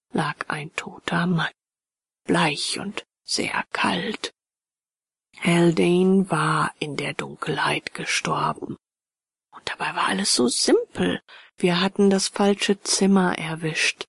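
A woman narrating a ghost story in a measured, hushed voice that often drops to a whisper. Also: lowish voice, vocal fry, slightly rough, no room sound. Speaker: audiobook narrator.

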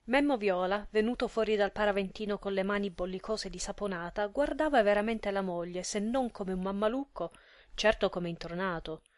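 A woman narrating a literary story in a measured, expressive storytelling manner. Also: mid-range voice, no room sound, studio quality. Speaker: audiobook narrator.

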